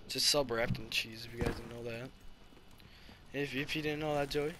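A young man commentating his own gameplay, excitable and prone to sudden yelling. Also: mid-range voice, normal speed, noisy background. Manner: excitable, bursts into yelling and shrieks. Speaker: gaming channel host. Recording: game gunfire behind the voice. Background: gunfire and game sounds.

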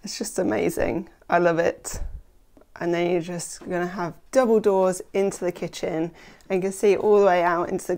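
Recorded indoors on a lapel mic, this is casual vlog narration from a woman in her thirties walking through her home renovation. She has a lowish, dark-toned voice and chats with real enthusiasm, dropping lots of ums along the way.

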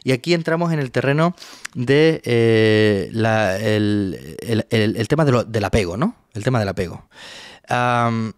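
A man's voice: lowish voice, expressive, unhurried, no room sound, studio quality. A man, a psychologist guest, explaining a topic patiently in a webinar and often checking in with his listener.

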